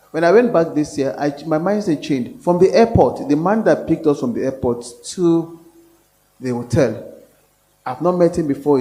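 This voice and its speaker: This male professor from Nigeria, a guest on a public forum panel, has a fairly high-pitched voice with a dark tone. His delivery is sincere yet halting, full of fillers and false starts.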